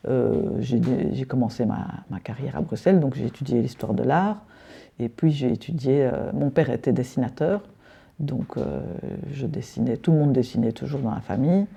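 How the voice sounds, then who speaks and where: Middle-aged woman, interview guest; halting answers, gravelly and deep-toned. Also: dark tone. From Belgium. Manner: hesitant, many fillers and restarts. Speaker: decorative painter, interview guest.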